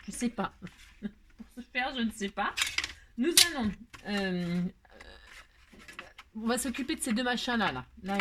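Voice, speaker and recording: Woman doing a chatty craft tutorial, keeps asking if you follow, laughs at herself, faint hiss behind. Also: mid-range voice. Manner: chatty, self-mocking, asks "hein?" and "d'accord?" often. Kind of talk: casual step-by-step crafting tutorial.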